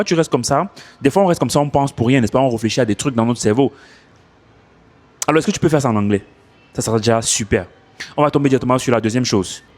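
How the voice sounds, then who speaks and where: A man coaching French speakers on learning English, talking casually into his phone outdoors and repeating his points for emphasis. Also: mid-range voice. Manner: animated, repeats himself for emphasis. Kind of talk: casual advice vlog.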